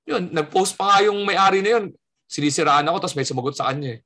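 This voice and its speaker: A stand-up comedian from the Philippines tells a story during a casual chat, acting out every quote with lots of energy. His voice is high and bright, and he talks fast.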